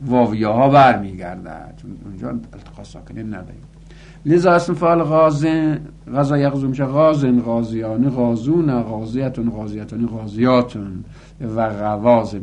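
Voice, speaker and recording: A man's voice: mid-range voice, a little mellow, a little hiss or hum. A man teaching a lesson, explaining grammar step by step and reciting word forms in rhythmic, chanted lists. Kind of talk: recorded lesson on Arabic grammar.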